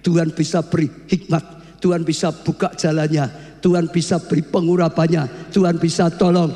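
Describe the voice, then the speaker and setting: Brief: male pastor, high voice, fiery sermon that swings into shouting, long hall reverb. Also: flat delivery, moderate pace. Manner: repetitive, rising to shouts, addresses congregation as "saudara".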